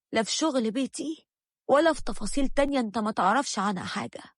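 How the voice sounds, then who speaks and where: A woman reading the part of a young Egyptian wife in a storybook tale, standing her ground with a firm, wounded resolve. The voice sits a little high and sounds close and dry, with no room around it. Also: no room sound.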